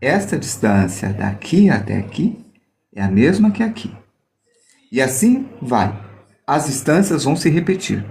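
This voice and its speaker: A man teaches a live online art lesson on drawing reflections, explaining each step and joking playfully with viewers while demonstrating with a mirror. His medium-pitched voice swings widely in pitch, carries vocal fry, is a little mellow, and runs a little slow.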